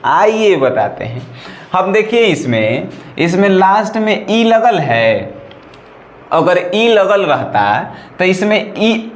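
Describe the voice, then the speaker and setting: Slow high-voiced Bhojpuri teacher. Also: male voice, reverberant. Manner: repetitive, checks in with "right or not?". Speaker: English grammar teacher. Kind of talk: classroom-style lesson.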